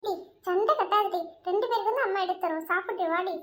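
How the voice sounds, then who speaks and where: A woman's voice: extremely high pitch, fast, a bit bright. A woman voicing a scolding middle-aged mother in a home family drama where she plays every role. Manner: scolding, calls daughters "ஏடி". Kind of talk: home family drama, one narrator voicing all roles.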